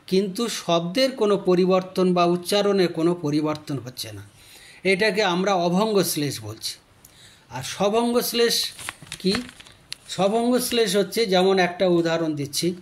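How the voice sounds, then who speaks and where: Slow, high-voiced man teaching grammar. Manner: slow, deliberate explaining that stretches out key words. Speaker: teacher explaining Bengali grammar. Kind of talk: slow explanatory lesson with recited verse.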